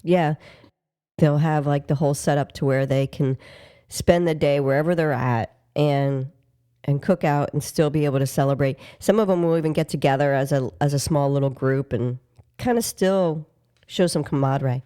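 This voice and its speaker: A woman co-hosts a relaxed podcast from a studio, her voice mellow and warm-toned. She chimes in with short agreements and then offers calm, thoughtful remarks of her own. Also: sits low, moderate pace, smooth. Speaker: podcast co-host. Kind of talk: casual podcast chat.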